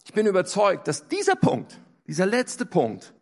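A man's voice: sits high, huge pitch swings, moderate pace. A man preaching a sermon, emphatic, repeating key phrases and asking rhetorical questions. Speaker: pastor.

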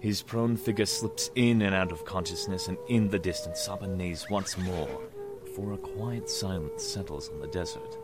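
Deep-voiced male storyteller over music. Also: normal speed. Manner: dramatic storytelling. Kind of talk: scripted narration. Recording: music score behind.

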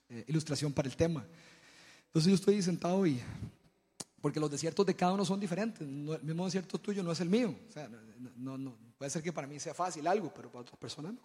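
A man's voice: on the high side, warm tone, big-room sound. A man giving a sermon-style testimony talk to a congregation. He tells stories animatedly, often stumbling and repeating words. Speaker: church speaker.

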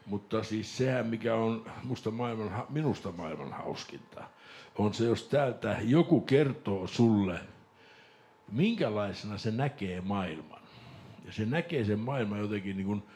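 A man from Lapland telling a lively story on a casual podcast, laughing and mimicking voices along the way. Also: on the low side. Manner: animated storyteller, laughs and mimics voices, shouts when excited. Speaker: podcast host.

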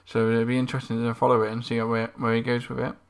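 Even-toned, creaky-voiced male podcast co-host. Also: medium pitch, fast talker. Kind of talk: casual podcast discussion.

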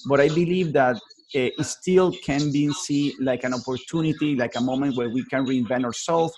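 A man hosting an online interview, friendly and halting, often repeating words. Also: medium pitch, darkish tone. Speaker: host.

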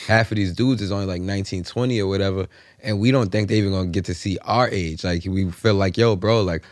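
A man talks casually as a podcast co-host. His voice is low and his delivery is halting and slangy, circling around the point. The recording is dry, without room sound. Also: fairly even intonation, dry recording. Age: 30s. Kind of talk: casual chat.

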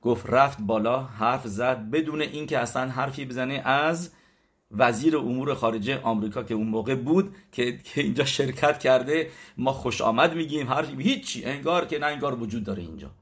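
A man at a middle pitch teaches from the weekly Torah portion and retells old stories. He sometimes stops to search for a word or fix a slip. He then drives his point home with loud, forceful bursts. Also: slightly rough. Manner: storytelling, with loud emphatic bursts; self-correcting, searching for words. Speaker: religious teacher.

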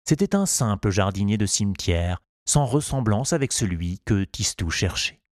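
A man reading a children's storybook aloud in a measured, unhurried way. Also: on the low side, sing-song, no room sound, clean studio sound. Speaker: narrator.

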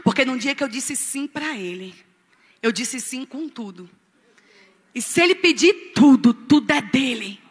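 A woman preaching a restless, fast-moving testimony that rises into shouted preaching. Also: sits high, lively intonation, husky, big-room sound. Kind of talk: testimonial sermon.

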